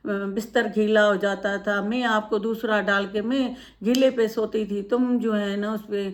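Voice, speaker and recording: A woman voicing a patient, loving elderly mother in a retold moral story, speaking gently and pleadingly. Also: medium pitch, steady tone, unhurried, lightly acted. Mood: gentle.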